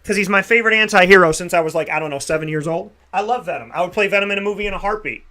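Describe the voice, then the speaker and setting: A man's voice: sits high, rapid-fire, pushed and bright. A man in his thirties hosting a talk show, giving an emphatic pep talk with repeated phrases. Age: 30s. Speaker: radio show host. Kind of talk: motivational monologue.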